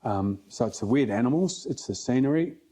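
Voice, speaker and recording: On a podcast, a middle-aged Australian fly fishing guide tells stories casually, plain-spoken and blokey, repeating things for emphasis. His mid-range voice is animated, fairly quick and dark in tone.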